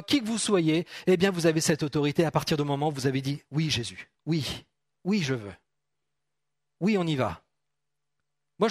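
A man's voice: high-pitched, no room sound, clean studio sound. A man preaching an informal sermon, reading Bible verses and talking chattily with his congregation, often repeating phrases. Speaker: pastor.

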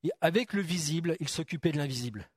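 A middle-aged man preaching a sermon in a church hall, animated and asking the congregation questions directly. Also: a little high, quick pace, breathy edge, studio quality.

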